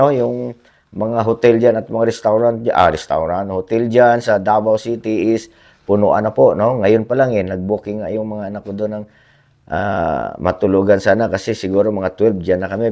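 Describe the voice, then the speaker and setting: A man vlogging in a casual, rambling chat to his viewers, hoarse from a cough, politely tagging his sentences with little questions. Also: fairly low pitch, a little mellow. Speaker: blogger reading viewer comments. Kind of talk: casual livestream-style chat.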